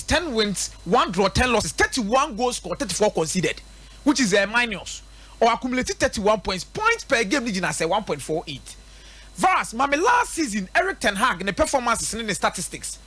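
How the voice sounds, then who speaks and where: A radio sports pundit, male and with a Ghanaian accent, speaks in a very high-pitched, fairly bright voice with a breathy edge. Doing live football commentary and analysis, he moves between a local language and English and drives his points home by repeating them emphatically.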